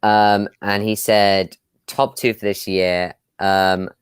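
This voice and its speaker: A man's voice: on the low side, level tone, slow pace, clean tone, no room sound. A man hosting a casual live discussion over a video call, chatty, with many fillers and frequent laughs. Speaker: host.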